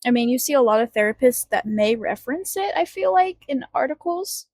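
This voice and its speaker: A woman's voice: high-pitched, lively intonation, a little fast, darkish tone, breathy edge, dry recording. A woman co-hosting a podcast in casual chat, chatty and giggly, with many fillers. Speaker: podcast co-host.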